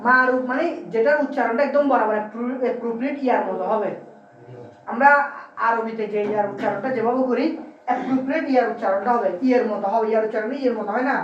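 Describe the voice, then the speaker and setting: A male teacher giving a classroom grammar lesson. He drills his students with call-and-response questions and is brisk, at times scolding. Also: very high-pitched, a little hiss or hum. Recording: roomy, distant, dull lo-fi classroom recording.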